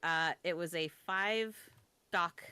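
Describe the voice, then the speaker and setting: A young woman with a bright, tense edge to her voice spins a story in casual chat. She pitches a little low, restarts her sentences often and pokes fun at herself, all in a dry, close sound. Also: clear, resonant tone, no room sound. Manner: storytelling, self-deprecating, quick restarts.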